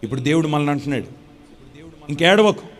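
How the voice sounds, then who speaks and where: This is a male pastor with a notably high voice, delivering a fervent sermon. He repeats his lines, fires questions at the congregation and pushes into shouted blessings. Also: expressive, moderate pace.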